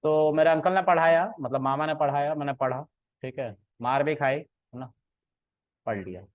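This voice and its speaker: A programming teacher with a fairly high-pitched voice speaks at normal speed over tinny, phone-like audio, giving a casual lesson that includes a personal story. He talks conversationally in Hindi mixed with English phrases, often checking in with "ठीक है" and "है ना."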